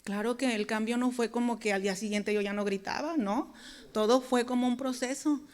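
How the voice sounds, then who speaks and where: A woman's voice: fairly high pitch, brisk, darkish tone. A woman preaching a sermon, talking to her congregation in an earnest, conversational way. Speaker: preacher and worship leader.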